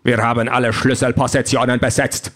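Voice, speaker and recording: A man voicing a small, mustached male android doorman with a rasping, absurdly overemphasized voice, speaking in stiff, deliberate phrases for an audiobook. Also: medium pitch, level tone, a bit bright, natural voice. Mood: stiff, mock-polite. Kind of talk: audiobook character voice.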